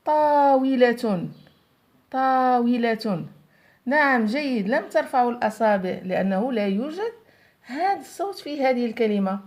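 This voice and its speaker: A woman teaching young children to read, stretching out each word slowly and praising them often. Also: a little high, expressive. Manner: slow, drawn-out word modelling with frequent praise. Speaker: primary school teacher. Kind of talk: phonics lesson for young children.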